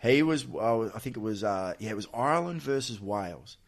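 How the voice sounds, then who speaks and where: A man chats casually on a podcast as a guest coach, spinning animated sports stories. His voice sits a little low, and he breaks into laughter often. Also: fairly quick.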